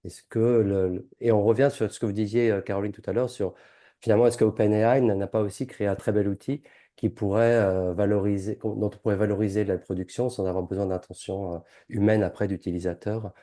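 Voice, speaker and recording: A man asking a question on a video call, halting, with many restarts and self-corrections. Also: fairly low pitch, steady tone, mellow. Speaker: webinar participant asking a question. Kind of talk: casual spoken question.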